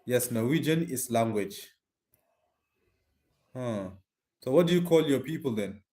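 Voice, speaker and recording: With a warm tone and animated, unhurried delivery, a Nigerian man talks casually to viewers on a live stream. His voice is medium in pitch and his speech is slangy and informal, carrying a Nigerian accent. The audio reverberates in an echoey indoor room.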